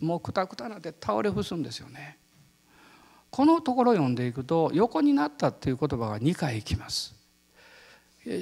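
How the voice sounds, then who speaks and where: Animated man preaching in a reverberant hall. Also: fairly high pitch, vocal fry. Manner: animated storytelling with frequent laughter. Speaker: pastor. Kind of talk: sermon with a personal story.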